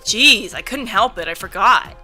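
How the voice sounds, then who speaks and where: A woman plays a careless grandson in his early twenties from a visual novel, easygoing and apologetic. The voice is very bright and tense, with music playing behind it. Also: medium pitch, animated, unhurried, full character voice. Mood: sheepish. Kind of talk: amateur visual novel voice-over.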